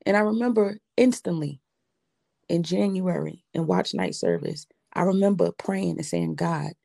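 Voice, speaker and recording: A middle-aged woman earnestly recounting a personal faith testimony, slow and heartfelt, quoting her own prayers. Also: medium pitch, gravelly, darkish tone, no room sound, clean studio sound. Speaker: widow giving a testimony.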